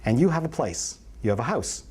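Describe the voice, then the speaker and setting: A man's voice: medium pitch, sing-song, a little fast, a little mellow, slightly rough. A man teaching a prenatal class as an obstetrician, in a playful, folksy storytelling manner with questions to the room. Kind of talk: live classroom lecture.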